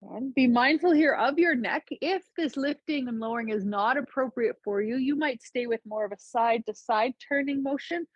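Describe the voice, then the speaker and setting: A gentle woman leads a chair yoga session, with a slightly high and soft, breathy voice. She guides the breath and movement in calm, unhurried cues. The recording is dry and a bit dull. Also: dry recording. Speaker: yoga instructor.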